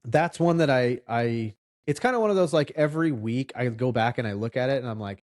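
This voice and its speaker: A man's voice: mid-range voice, lively intonation, fairly quick, darkish tone. Chatty man explaining things casually. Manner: conversational, explains with examples and asides. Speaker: loan officer, podcast co-host. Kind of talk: casual podcast conversation.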